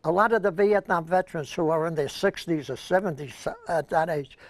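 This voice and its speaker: With a brisk pace and a slightly high voice, this older man from Brooklyn, New York, co-hosts a senior news program. His talk is a casual, rambling stream of reminiscences and stories.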